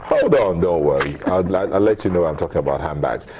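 A man's voice: low-pitched, brisk, highs cut off, noisy background. A Nigerian-accented man in his forties presenting a morning TV show in an informal studio style.

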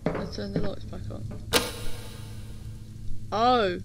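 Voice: medium pitch, steady tone, takes it slowly, loud music behind the voice. A scared horror game streamer giving casual gameplay commentary, muttering uneasily to themselves. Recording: loud buzzing and clicking game noise.

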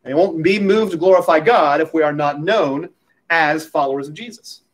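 A man's voice: a little high, moderate pace. Man preaching at a pulpit microphone. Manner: conversational preaching with light humorous asides. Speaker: pastor. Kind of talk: sermon.

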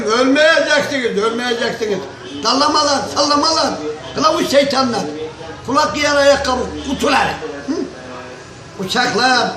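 A fiery older man rails in a strikingly high, piercing voice, hurling insults and chanting repeated lists. His voice rings with echo, and a crowd murmurs behind him. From Turkey. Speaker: local villager commenting on politics. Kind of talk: angry political rant. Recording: echoey, crowd audible behind.

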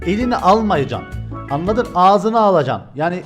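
Young male gaming streamer, high-pitched, excitable and joking live commentary, faint music underneath. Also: moderate pace. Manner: excitable, joking, shouts often.

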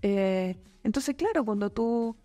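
Soft music plays behind a Chilean company manager in her fifties as she talks slowly and expressively in a mellow, medium-pitched voice. Guesting in a relaxed office studio interview, she speaks thoughtfully through a desk boom mic, often using fillers and restarting her sentences.

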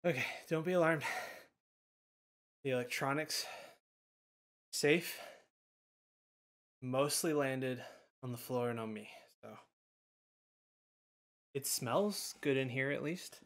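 A man filming a casual home vlog, excitable and bursting into loud disbelief. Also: mid-range voice, slow pace, pauses often. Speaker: video creator.

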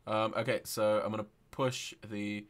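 The host of this casual livestream chat is a young adult man, informal and sweary, broadcasting via video call from an indoor room. He has a lowish voice with a level tone and a moderate pace.

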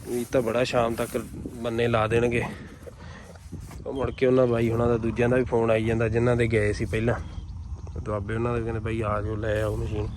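Outdoor noise from machinery runs clearly behind a Punjabi man with a mid-range voice. He talks like a farm vlogger, casual and folksy, chatting to viewers and calling out to workers in everyday village speech. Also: mid-range voice, completely flat delivery, a little fast, a little mellow. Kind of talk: casual vlog chat. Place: outdoors in farm fields beside a running harvester.

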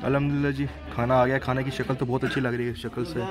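Rapid-fire and flat in delivery, this man's mid-range voice guides a casual walking-tour vlog through a busy hill town. He chats about the shops and food he passes outdoors. A crowd of passers-by makes noise around him.

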